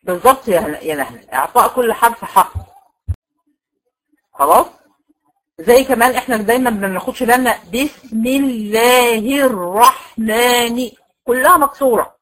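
An Egyptian woman gives a tajweed lesson to her students. She explains each point step by step, keeps checking with short questions, and stretches out example words very slowly so they can follow. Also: fairly high pitch, fairly bright tone, rough recording. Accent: Egyptian Arabic. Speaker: Quran recitation teacher. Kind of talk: online tajweed lecture.

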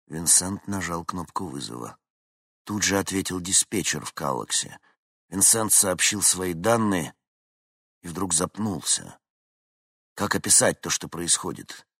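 A man narrating an audiobook in an expressive storytelling manner. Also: low-pitched, a little slow, husky, dry recording, clean studio sound. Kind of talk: scripted narration.

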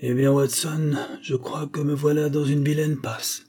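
A man reading an audiobook, voicing a gravely ill male detective who speaks weakly and short of breath yet in a sharp, commanding way. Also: mid-range voice, animated, normal speed. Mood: plaintive. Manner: commanding, sharp, abrupt outbursts.

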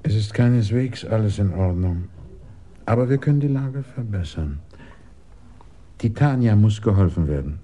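A man's voice: fairly low pitch, expressive, moderate pace, long pauses, dark tone. An actor playing a scheming man who commands and instructs others at length, in a 1980s radio drama. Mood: commanding.

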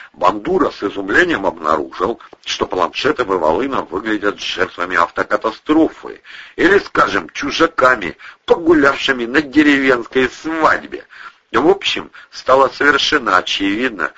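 A man reads an audiobook with wide, animated swings of pitch and a bright, forceful tone. His voice is husky, and the recording sounds dull and lo-fi. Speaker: audiobook narrator. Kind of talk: audiobook narration.

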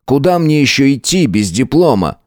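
A man's voice: medium pitch, sing-song, moderate pace, dry recording, studio quality, pitched above the performer's own voice, lightly acted. A man voicing a selfish, whining young man in an audiobook, sneering and contemptuous. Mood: irritated. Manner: sneering, whiny. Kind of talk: audiobook character reading.

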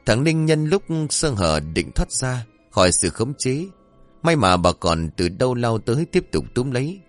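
A man narrating a story in an expressive, dramatic way, with faint music behind. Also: mid-range voice, moderate pace.

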